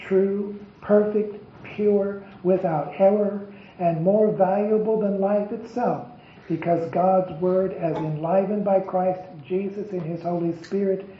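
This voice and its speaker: A man preaches a devotional sermon slowly and deliberately in a raised, fairly high voice, emphatically stressing each word as he piles up lists of phrases. The muffled lo-fi recording is dull and echoey with a roomy feel and slight background noise.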